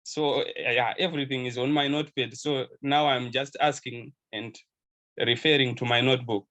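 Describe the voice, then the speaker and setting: A man's voice: medium pitch, steady tone, moderate pace, fairly bright tone. A man from Zimbabwe, a pharmacy graduate attending a webinar over a video call, speaking hesitantly with frequent restarts. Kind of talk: casual webinar Q&A.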